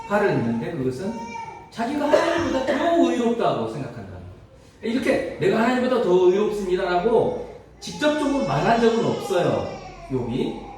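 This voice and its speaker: High, lively male pastor preaching. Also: slight background noise. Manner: conversational preaching, rhetorical questions to the congregation. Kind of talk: sermon. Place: church sanctuary. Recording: echoey church hall from far off.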